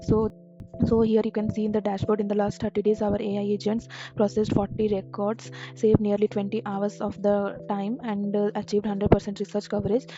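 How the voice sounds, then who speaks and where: A woman giving a formal, scripted product presentation as if reading it out. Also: medium pitch. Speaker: software demo presenter. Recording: dull, lo-fi microphone sound.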